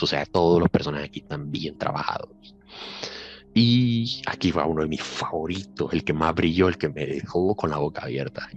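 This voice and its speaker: A man giving a casual, emphatic film review, swearing freely and repeating filler phrases. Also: a bass voice. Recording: slightly dull audio with faint music behind.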